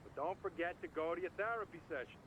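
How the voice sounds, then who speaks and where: Higher-voiced, frank game lawyer. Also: male voice, fast, fairly bright tone, a little hiss or hum, low-quality recording. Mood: businesslike. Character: frank, encouraging male lawyer advising his client. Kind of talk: video game voice acting.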